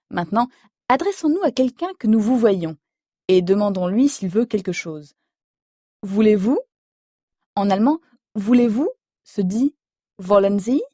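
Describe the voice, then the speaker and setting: A woman teaching an audio language lesson, explaining slowly and clearly and spelling words out letter by letter. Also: medium pitch, mellow, dry recording, studio quality.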